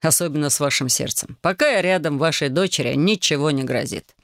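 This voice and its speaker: A woman playing a calm, unflappable demon bodyguard. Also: low-pitched, dry recording, studio quality. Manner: calm, measured, composed.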